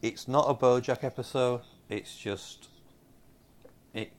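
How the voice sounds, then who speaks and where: Speaking slowly in a steady, mid-range voice, this podcast co-host chats loosely about TV episodes. He's young with a Northern English accent, and his talk wanders, full of fillers and sentences he starts over.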